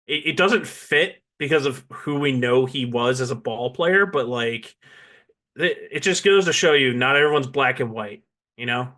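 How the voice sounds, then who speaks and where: A man's voice: mid-range voice, normal speed, pushed and bright. A man co-hosting a casual sports podcast, teasing his friends and telling stories. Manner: teasing, storytelling banter. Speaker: podcast co-host.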